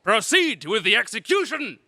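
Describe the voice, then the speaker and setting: Ming the Merciless, swooping tyrant. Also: male voice, high voice, big pitch swings, sharp tone, dry recording, shouting, clean studio sound, heavily acted. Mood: cruel command. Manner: theatrical, imperious, slow and deliberate. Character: merciless pompous space tyrant emperor, cruel and gloating. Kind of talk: 1930s space serial radio drama acting.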